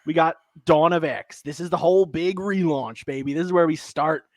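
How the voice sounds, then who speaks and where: A man with a slightly high voice leads a podcast chat in an upbeat way, laughing often. The sound is dry and close to the mic. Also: moderate pace, no room sound. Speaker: podcast co-host. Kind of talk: casual chat.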